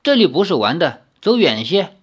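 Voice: mid-range voice, very animated, normal speed, slightly rough. A narrator doing a threatening male spy. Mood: dismissive. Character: sly hostile male spy, bluffing and quick to threaten. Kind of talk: audiobook character voice.

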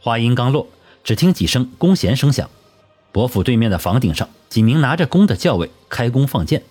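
A man tells a historical story in a measured audiobook style. His intonation rises and falls a lot, and his voice carries some huskiness. Soft music plays under the narration. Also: mid-range voice, sing-song. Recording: husky voice over soft music.

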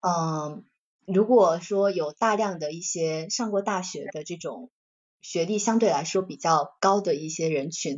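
Woman co-host, low voice, thoughtful and hesitant, muffled lo-fi audio. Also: a little mellow. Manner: thoughtful, hesitant, self-deprecating. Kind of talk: casual discussion. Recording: dull lo-fi sound.

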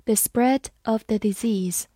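A woman teaching English vocabulary in a scripted lesson, spelling each word letter by letter and reading example sentences slowly. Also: on the high side, dark tone, no room sound, studio quality.

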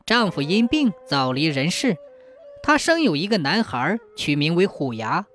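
A woman narrating a traditional folk tale in a measured, expressive storytelling manner. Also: fairly low pitch. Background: faint music.

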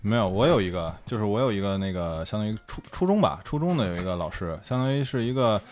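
Quick, lively young man. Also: on the low side, faint music behind. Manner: colloquial, energetic storytelling. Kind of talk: casual chat.

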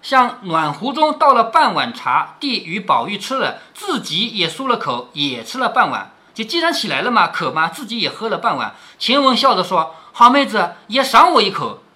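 Lively, bright-voiced man explaining a story. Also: high voice, normal speed, hardly any pauses. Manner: chatty explainer, asks rhetorical questions. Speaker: storyteller reading a classic novel to his daughter. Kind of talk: reading aloud with explanations.

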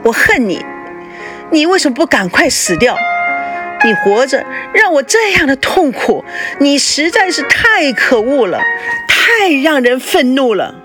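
A woman voicing a heartbroken, angry young daughter who lashes out in high, drawn-out cries. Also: very animated, over music. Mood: anguished, furious. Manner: shrill outbursts, slowed and pitched up.

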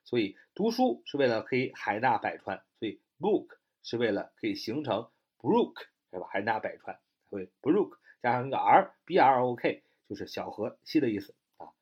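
Husky-voiced man teaching vocabulary. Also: mid-range voice, sing-song, lo-fi sound. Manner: spells words letter by letter, frequent filler "啊"; slows down to read English example sentences. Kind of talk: explanatory lesson.

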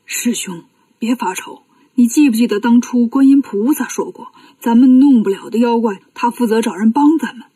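A woman voicing an earnest, anxious male monk disciple, soft-spoken, in a children's storybook reading. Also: fairly high pitch, moderate pace, distant mic, close to an everyday voice.

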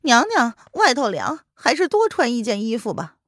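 A woman's voice: fairly high pitch, very animated, normal speed, a bit bright, no room sound, studio quality, voice pushed up. A woman voicing an anxious, loyal male palace servant who speaks earnestly to his mistress. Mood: respectful. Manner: pleading, earnest.

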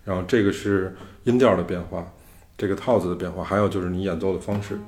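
Man, podcast host, casual chat, rather low voice, explaining music in a loose way. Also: fairly even intonation, fast talker, darkish tone. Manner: loose, explanatory talk about music theory.

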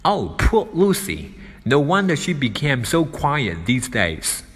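A man reading a concerned friend's dialogue lines slowly and carefully. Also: medium pitch, sing-song, breathy edge, voice pushed up, exaggerated voice. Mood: asking. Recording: long reverb.

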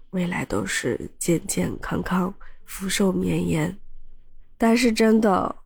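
Woman with a creaky, recovering voice. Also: medium pitch, a little mellow, no echo. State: recovering throat, cracking shaky voice. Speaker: podcast host. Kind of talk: casual personal chat to listeners.

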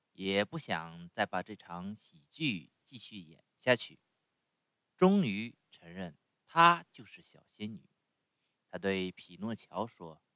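A man reading a bedtime story aloud to his child in a plain, steady storytelling voice. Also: lowish voice, dry recording.

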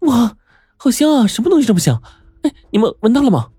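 A male storyteller voicing an excitable, chatty young woman in an exaggerated high falsetto. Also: normal speed, no room sound, studio quality. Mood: excited.

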